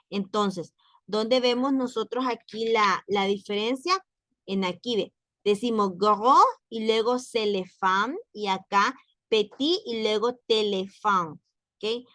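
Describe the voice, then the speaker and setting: A woman teaching French pronunciation. She talks at a very slow, patient pace and says each example more than once. Her voice sits in a middle pitch, and the recording is dry and close. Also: fairly bright tone, no echo. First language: Spanish. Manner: slow, repeats each example word carefully. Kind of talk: online language lesson.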